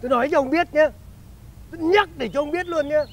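A comic actor with an extremely high voice talks fast as a crafty, bossy schemer in a comedy sketch. Smug and condescending, he orders others around and caps his phrases with a teasing "nhá".

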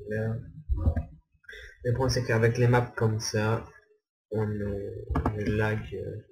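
Over a noisy background, a young man gives casual gameplay commentary in a lowish, flat voice at a slow pace. His talk is rambling and hesitant, and he repeats himself often.

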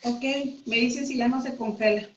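A woman's voice: on the high side, steady tone, moderate pace, slight background noise. A woman teaching a casual live craft class from home, chatting with her viewers as friends. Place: home room. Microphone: computer mic. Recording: echoey room, dull audio.

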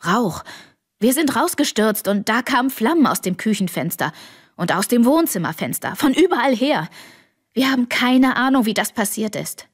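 A woman's voice: a little high, sing-song, moderate pace, slightly rough. Woman reading as a shaken neighbor dad, hesitant and worried, stops and starts. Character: worried neighbor father, middle-aged man. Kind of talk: audiobook reading.

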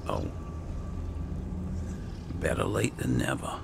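With clear video game ambience in the background, a gaming video host drifts through laid-back roleplay commentary, musing to himself. His pitch is extremely low, his delivery very animated and his pace slow.

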